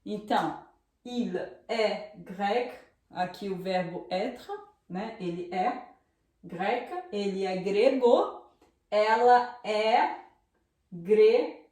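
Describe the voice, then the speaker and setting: Woman, language teacher, slow and patient, repeats words, strongly echoing room, set back from the mic. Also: mid-range voice, dark tone. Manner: slow, clear repetition with frequent "tá?" checks. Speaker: French teacher. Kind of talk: beginner language lesson. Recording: very echoey room, voice from a distance.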